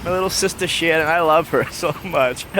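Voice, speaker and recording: A man's voice: on the high side, moderate pace, noisy background. A man, walking outdoors on a city street and rambling affectionately as he tells personal stories for his vlog, repeating himself often. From Massachusetts. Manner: rambling, repetitive, affectionate storytelling. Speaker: vlogger.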